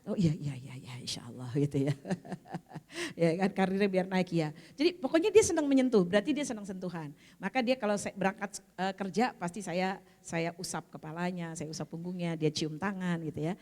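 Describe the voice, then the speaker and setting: A middle-aged woman leads a women's religious study circle with a lively, chatty delivery. She slips into short acted-out family dialogues, changing her voice for each part. Her fairly high voice rings with the long reverb of a hall. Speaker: religious teacher.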